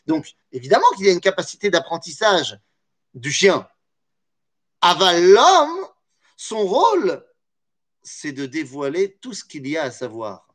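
A man's voice: high-pitched, very animated, a little slow, pauses often, a bit bright. A man teaching a Torah study lesson, explaining with animation, weaving in Hebrew terms and jokey asides.

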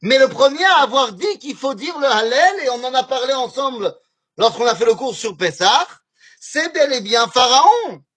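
A man teaching a lively religious lesson on Hebrew words to a class, often asking his students questions. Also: extremely high pitch, moderate pace, slightly rough. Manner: animated, asks the class questions. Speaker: Torah teacher.

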